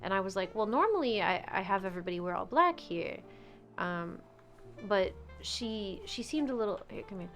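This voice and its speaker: A woman's voice: mid-range voice, expressive, moderate pace, a bit bright, soft background music. A woman in casual role-play chat, talking frankly and swearing freely. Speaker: streamer role-playing a theater owner.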